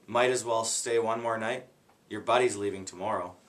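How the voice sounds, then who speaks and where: A gruff but fond older keeper speaks in a children's book reading, read by a man. His voice is low and plain, the reader's own voice with no real character change. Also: fairly even intonation, normal speed, fairly bright tone, close to an everyday voice.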